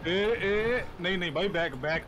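A man's voice: high voice, moderate pace, fairly bright tone. A man chatting casually as a co-player in a game. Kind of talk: casual chat while gaming. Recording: noisy with engine and game sounds. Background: tractor game sounds.

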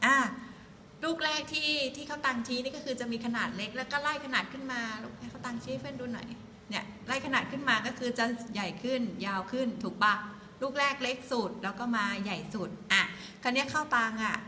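A woman's voice: high voice, fairly quick, bright, forceful tone. A woman teaching a science lesson to a class, prompting the students with questions. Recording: echoey room with faint background noise.

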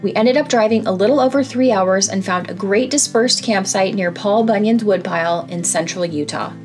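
Woman, scripted travel voice-over, calm and informative, faint music underneath. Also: mid-range voice, moderate pace. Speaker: travel vlogger narrating a road trip.

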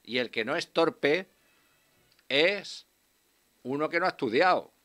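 A man's voice: on the high side, unhurried. A man in his sixties hosting a radio show, delivering a sardonic, swearing comic monologue and bantering with a guest in a small studio. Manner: sardonic, animated, swears freely. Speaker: radio host. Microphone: studio mic with headphones.

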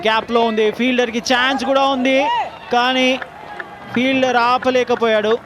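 An excited male cricket commentator with an extremely high voice and a South Indian Telugu accent. His calls are exclamatory and admiring, with clear outdoor noise behind him.

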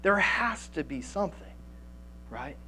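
A man in his thirties preaching a sermon on a church stage through a headset mic, animated, with frequent restarts and fillers. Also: fairly high pitch, unhurried, a little hiss or hum. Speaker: pastor. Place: church stage with band gear, indoors.

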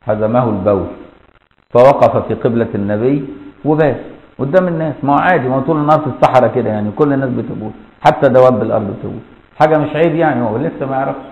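A man with an Egyptian Arabic accent and a medium-pitched voice races through a colloquial classroom lesson on Islamic jurisprudence. He explains step by step and often checks that listeners are following, captured in an echoey, dull lo-fi room recording.

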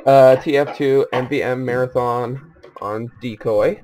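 A man's voice: mid-range voice, fairly even intonation, a little slow, darkish tone. A young man hosting a gameplay video with friends, joking and rambling in casual commentary, with game sounds and voice chat behind. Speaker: gaming video host.

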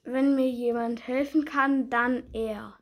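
A woman's voice: a little high, steady tone, slow. A woman voicing a humble, hopeful blind beggar man in a children's church story drama, speaking earnestly.

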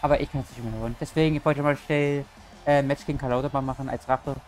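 Excitable woman commenting on gameplay. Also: very deep voice, fast, soft background music, poor audio. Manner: excitable, cheering at the game; blunt, swears freely. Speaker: gaming YouTuber.

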